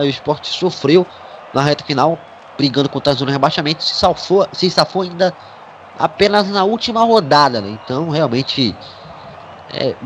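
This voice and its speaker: A man's voice: on the high side, slight background noise. A Brazilian man giving live play-by-play football commentary for a web radio broadcast.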